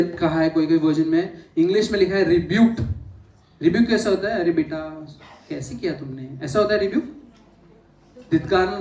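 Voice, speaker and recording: A man's voice: high-pitched, a little hiss or hum. A man preaching a sermon who keeps asking the congregation questions, calls out hallelujah and mixes in English words. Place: church hall. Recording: echoey hall from far off.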